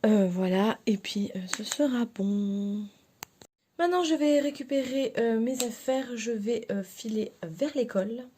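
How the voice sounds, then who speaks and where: A woman chats informally as a vlogger. Her voice sits a little high yet has a very soft, dark-edged tone. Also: measured pace, a little hiss or hum. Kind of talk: casual chatty vlog about daily chores.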